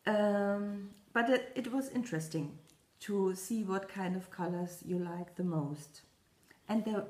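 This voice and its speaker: Slow, halting woman vlogger in an echoey room. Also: mid-range voice, darkish tone. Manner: rambling, halting, often apologizing. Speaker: cross-stitch vlogger. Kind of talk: casual chat to camera.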